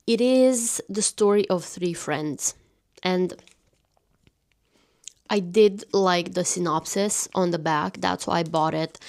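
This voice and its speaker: A woman in her thirties gently chatting about books on a thin stand mic, now and then dropping into a whisper. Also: on the low side, vocal fry. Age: 30s. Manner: gentle, intimate, dips into whispers. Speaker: channel host. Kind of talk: soft-spoken book chat.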